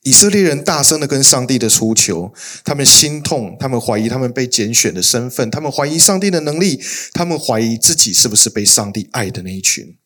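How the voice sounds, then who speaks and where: A male pastor delivers a sermon at a middle pitch. His voice moves with lively intonation. He keeps shifting between quiet, intimate passages and stronger, emphatic ones as he tells the story. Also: fairly quick, few pauses. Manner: expressive storytelling preacher, swinging between soft and loud.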